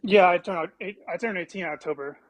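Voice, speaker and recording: A man's voice: high-pitched, fast, poor audio. A man in his twenties calling in to a live stream, hesitant and stumbling over his words. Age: 20s. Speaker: caller.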